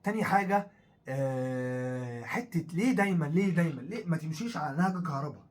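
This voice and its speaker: A man with an Egyptian Arabic accent, co-hosting a casual football talk show, animated and full of fillers as he goes over the story. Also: on the high side, brisk. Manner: animated, repetitive, thinks aloud with many fillers. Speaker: co-host of a football talk channel.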